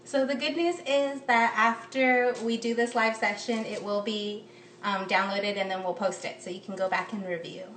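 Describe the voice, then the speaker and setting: A woman's voice: mid-range voice, steady tone, moderate pace, a bit bright, slight background noise. A woman in her thirties from the United States, chatting upbeat with lots of ums as she hosts a live cooking demo from her home kitchen. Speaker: cooking instructor. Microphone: phone camera propped close. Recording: roomy, slightly distant phone audio.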